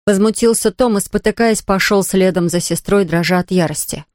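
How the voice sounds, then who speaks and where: A woman's voice: mid-range voice, normal speed, a little mellow, dry recording. Fields: woman, storybook narrator, dry sound.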